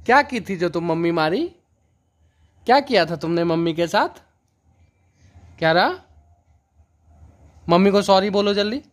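A man's voice: sits high, animated, measured pace, long pauses. A man chatting on a family vlog, playfully coaxing his little daughter. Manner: playful, coaxing a small child. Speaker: vlogger, father. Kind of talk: casual family vlog chat.

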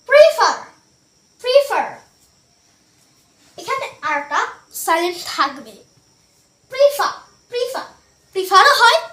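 Woman pronunciation teacher, very high bright voice, spells words out and repeats them, echoey room.

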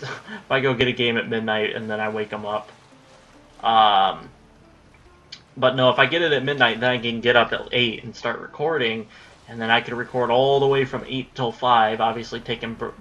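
Bright and forceful, the medium-pitched voice of a late-teen gaming YouTuber carries casual commentary about his recording plans as he plays, with swearing whenever things go wrong. The recording has its highs cut off.

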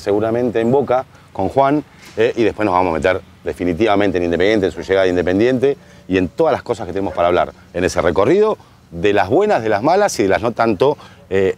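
A lowish-voiced man with a Rioplatense accent hosts a relaxed outdoor chat. He fires off questions quickly and keeps things jokey and chummy. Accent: Rioplatense Spanish. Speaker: show host. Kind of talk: casual interview chat. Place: outdoor garden bar.

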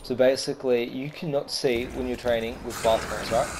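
Young male gaming host, jokey and swearing, mid pitch, over a noisy mic. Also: steady tone, brisk. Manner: joking, swearing, laughs often. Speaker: gameplay channel host. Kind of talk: casual co-op gaming chat.

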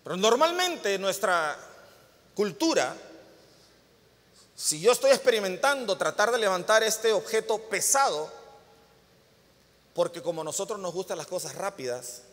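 A fairly high-voiced man in his thirties delivers a sermon to a congregation. He tells stories vividly, acting out scenes with sudden loud outbursts. His voice rings out with long reverb in a church hall. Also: normal speed, pauses often. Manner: animated storytelling, acts out scenes with sudden loud bursts. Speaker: pastor.

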